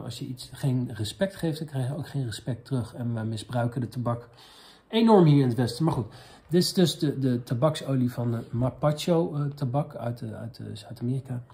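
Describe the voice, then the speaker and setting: This comedic question-and-answer host uses a medium-pitched, slightly mellow voice. His casual, rambling delivery is packed with fillers and takes on a mock-spiritual tone, a deadpan parody monologue.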